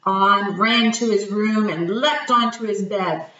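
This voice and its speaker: Brief: woman storyteller for children, slow and bright, recorded far off in an echoey room. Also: mid-range voice, lo-fi sound, a little hiss or hum. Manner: gentle, asks children questions. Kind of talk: children's read-aloud.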